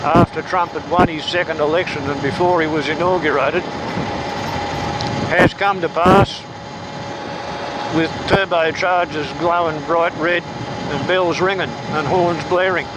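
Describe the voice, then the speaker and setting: A man talking slowly and deliberately through a motorbike helmet microphone while riding outdoors. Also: fairly high pitch, steady tone. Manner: slow, measured, deliberate delivery. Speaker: vlogger. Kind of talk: political commentary monologue while riding. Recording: loud wind and road noise on a helmet mic.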